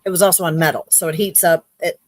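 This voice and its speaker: A woman in casual conversation as a panelist, sharing advice in a halting, conversational way. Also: lowish voice, steady tone, no room sound. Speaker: livestream panelist. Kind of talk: casual chat.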